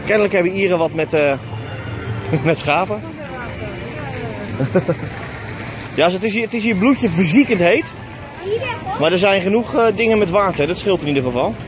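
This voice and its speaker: A Dutch-accented vlogger in his thirties films himself with an action camera held at arm's length while walking through a busy outdoor theme park. He chats casually with many fillers in a high-sitting, lively voice at normal speed, leaving long pauses. Background noise is present and music is clearly heard behind him.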